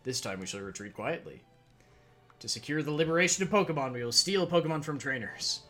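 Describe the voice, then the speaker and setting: A man reading as a solemn old villain sage, slow grandiose speech, bright tone, soft game music behind. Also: fairly high pitch, animated. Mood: menacing.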